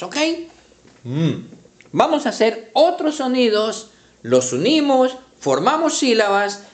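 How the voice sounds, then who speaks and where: Patient, lively-voiced man teaching children. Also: high-pitched. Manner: slow, patient, sounding out syllables for children. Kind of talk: children's reading lesson at a whiteboard. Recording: echoey room.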